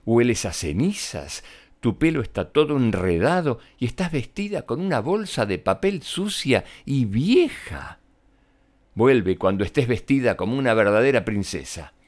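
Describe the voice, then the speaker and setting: A man's voice: mid-range voice, sing-song, a little slow, darkish tone. A man voicing a vain, rude young prince in a children's storybook reading, speaking in a haughty, scornful tone.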